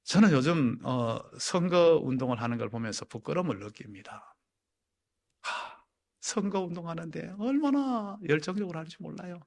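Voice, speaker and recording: High, lively-voiced male pastor preaching. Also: normal speed. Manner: swings from hushed, near-whispered lines to loud, ringing exhortation; acts out quoted people in raised, excited voices. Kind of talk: sermon. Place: church sanctuary.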